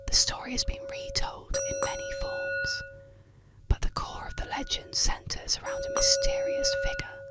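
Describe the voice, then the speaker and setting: Woman in a soft, unvoiced ASMR whisper. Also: very high-pitched. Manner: slow, soothing, hushed ear-cleaning ASMR delivery. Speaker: ASMR storyteller. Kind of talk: whispered ASMR bedtime narration of eerie legends.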